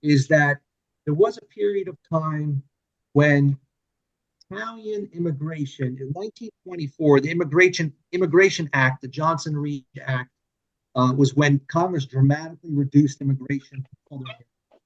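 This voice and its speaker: A man's voice: on the high side, moderate pace, no echo, highs cut off. A man giving an explanation on a video call, his audio breaking up and dropping out from a bad connection. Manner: explains step by step with fillers and restarts. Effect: choppy audio breaking up over a bad call connection. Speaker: guest presenter.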